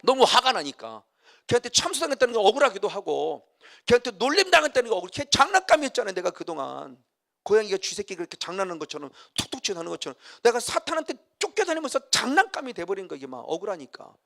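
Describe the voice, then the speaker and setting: A man's voice: high-pitched, big pitch swings, quick pace, creaky, pushed and bright. A middle-aged man preaching a sermon as a pastor, vividly acting out scenes and reading scripture aloud.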